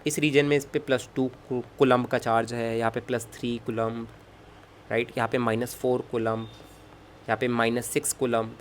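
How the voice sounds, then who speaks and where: A man's voice: mid-range voice, little pitch movement, normal speed, slight background noise. A man teaching a physics lecture, coaxing students with constant check questions and jokey asides. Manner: jokey asides and self-talk while writing. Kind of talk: online lecture at a whiteboard.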